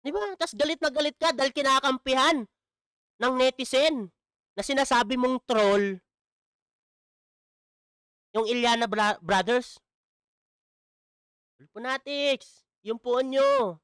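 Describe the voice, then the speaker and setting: A man's voice: very high voice, takes it slowly, long pauses, fairly bright tone, clean tone, no echo, studio quality. A man commenting in a casual vlog, mocking and asking "di ba?" again and again. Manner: mocking, repeats "di ba?". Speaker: vlogger.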